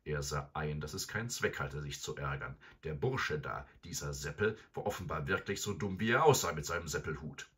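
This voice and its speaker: A man reading a children's storybook aloud in an expressive, animated way. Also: extremely low pitch, fairly quick, few pauses. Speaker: narrator.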